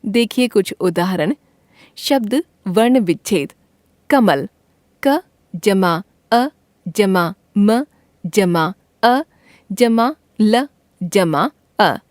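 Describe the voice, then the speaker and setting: A woman reading a school grammar lesson aloud, slowly and carefully, spelling out letters and listing example words. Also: mid-range voice, expressive, a little mellow, no room sound, clean studio sound. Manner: slow, careful reading of letters and word lists. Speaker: teacher.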